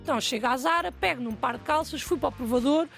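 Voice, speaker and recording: Young woman, European Portuguese accent, comic storyteller, high and fast, a bit gravelly. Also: faint music behind. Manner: lively, self-mocking, animated. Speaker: guest storyteller. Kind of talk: comic anecdote, casual chat.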